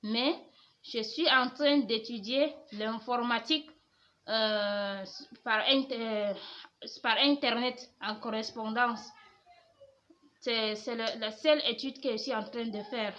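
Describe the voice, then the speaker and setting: A woman from Cameroon, whose first language is Fulfulde, speaks slowly and softly in an FAQ vlog for her home organisation YouTube channel, reading and answering questions. Her voice is a little high with fairly even intonation, and she hesitates and pauses often; the lo-fi audio is slightly muffled with a faint hiss.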